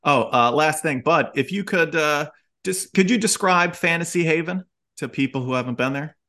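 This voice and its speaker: A man's voice: a little high, moderate pace, sharp tone. A man hosting an interview, asking questions in a dry, wry way with filler words. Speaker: host.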